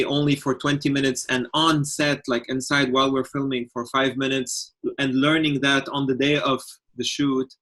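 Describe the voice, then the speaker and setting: Young director from Lebanon, hesitant and halting, plain mid voice. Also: male voice, mid-range voice, a bit bright. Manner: halting, many fillers and restarts. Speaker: film director and producer. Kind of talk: casual interview answers.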